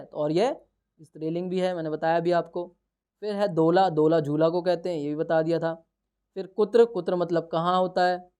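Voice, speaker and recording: Smooth-voiced male teacher. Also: sits high, darkish tone. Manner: explains patiently and often checks in with the listener; poses questions and answers them himself. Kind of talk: explaining a school lesson.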